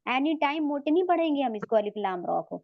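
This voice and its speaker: A woman's voice: high-pitched, very animated, fairly quick, creaky, dry recording, highs cut off. A woman teaching a recorded online lesson, patiently repeating each sound several times and checking in with her learners as she explains. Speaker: Tajweed teacher.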